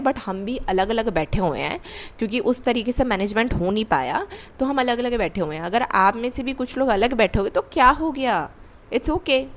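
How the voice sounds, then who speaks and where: Candid young woman telling a personal story. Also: on the high side. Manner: candid, confessional, with emphatic repetition. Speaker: vlogger.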